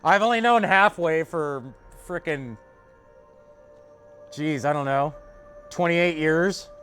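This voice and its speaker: Higher-voiced man streaming a game. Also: slow pace, a bit bright, clean tone, faint music behind. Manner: rambling, filler-heavy, chatting with viewers. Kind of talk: casual let's-play commentary.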